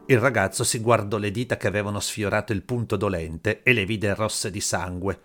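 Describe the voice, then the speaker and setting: A man narrates a story in a steady, measured way, his voice sitting on the low side. A soft bed of music is just audible beneath the reading. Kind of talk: audiobook narration. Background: faint background music.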